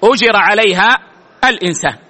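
Male religious teacher: high, bright voice, deliberate explaining. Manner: slow and deliberate, repeats key words. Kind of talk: religious lesson commentary.

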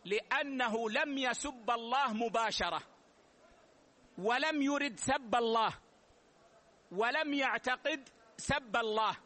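A man, an Islamic scholar, giving a measured religious lesson and repeating key phrases slowly for his students. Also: very high-pitched, pushed and bright. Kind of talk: religious lesson explaining rulings.

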